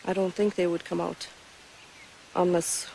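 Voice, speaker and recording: A woman's voice: fairly low pitch, flat delivery, unhurried, vocal fry, dark tone, a little hiss or hum. A woman in her thirties, interviewed alongside her mother, recalling a childhood memory in a casual, chatty way. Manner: casual, chatty, with small laughs. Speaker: interviewee, daughter. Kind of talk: casual spoken recollection.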